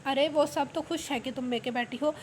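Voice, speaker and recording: A woman's voice: high-pitched, fairly even intonation, normal speed, slight background noise, lightly acted. A woman voicing a worried, scolding elder sister-in-law who rambles on about gossip as she reads a novel aloud.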